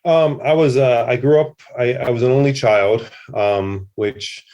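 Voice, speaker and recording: A man's voice: mid-range voice, fairly even intonation, a little slow, a little mellow. A middle-aged man from Hawaii, a festival producer, talking casually as a podcast guest with lots of fillers and restarts. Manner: rambling, many fillers and restarts. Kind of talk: casual conversational interview.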